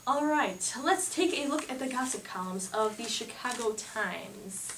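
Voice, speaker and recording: Playing a slangy, flirtatious, flighty 1920s news anchor, a woman speaks unhurriedly in an expressive voice on the high side. The amateur mock newscast is mock serious and theatrical, recorded in an echoey room with a distant mic and faint noise.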